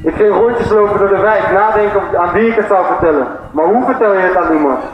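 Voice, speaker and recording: Guy speaking at a rally, highish voice, plain and direct, muffled echoey pa. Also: fairly quick, background noise. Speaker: speaker at a demonstration. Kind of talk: personal testimony speech. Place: outdoor demonstration.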